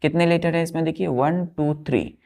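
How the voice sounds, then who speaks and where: Speaking in a low voice with a dark tone, a woman goes through a vocabulary lesson word by word. She says words slowly and repeatedly, makes sure the children are following, and gives the English words an Indian English accent.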